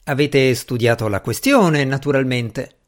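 A man's voice: medium pitch, a little slow, close to an everyday voice. A man doing a sneering asylum doctor. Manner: sneering, sarcastic.

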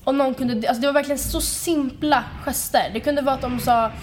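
A woman's voice: sits high, steady tone, a little hiss or hum. A young adult woman co-hosting a podcast in casual chat, talking frankly with lots of fillers and the odd swear word. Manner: chatty, frank, swears freely, many fillers. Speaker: podcast co-host.

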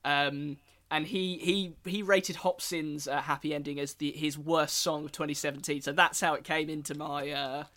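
Hesitant male podcast host, bright tone. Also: fairly high pitch, fairly even intonation, moderate pace, hardly any pauses. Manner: hesitant, lots of ums and restarts. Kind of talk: casual podcast chat.

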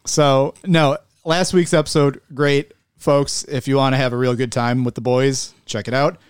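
A man's voice: medium pitch, flat delivery, moderate pace, clean tone, no echo, clean studio sound. A man with a slightly nasal voice hosting a casual comedic podcast, upbeat and jokey. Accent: Buffalo, New York. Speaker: podcast host.

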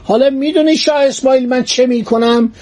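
A man's voice: very high voice, fairly even intonation, darkish tone, pitched above the performer's own voice. A man voicing a gloating triumphant sultan. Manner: gloating, mocking. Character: boastful triumphant male sultan taunting a captive.

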